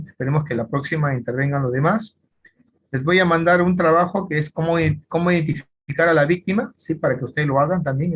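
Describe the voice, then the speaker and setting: A man's voice: fairly high pitch, slight background noise. A man with a Peruvian Spanish accent lecturing on forensic psychology in an online class, rambling with many fillers and restarts.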